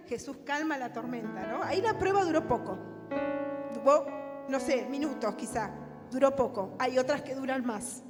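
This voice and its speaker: A woman preacher with a Rioplatense Spanish accent gives a sermon and closing prayer, often asking the congregation rhetorical questions. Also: high voice. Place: church hall. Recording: reverberant church hall with music.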